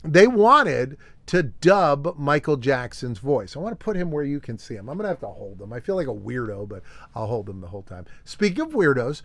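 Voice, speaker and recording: A man's voice: medium pitch, very animated, fairly quick, a bit bright, no echo. A man hosting an unscripted show-and-tell, rambling nostalgically with fillers and chuckles. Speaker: host.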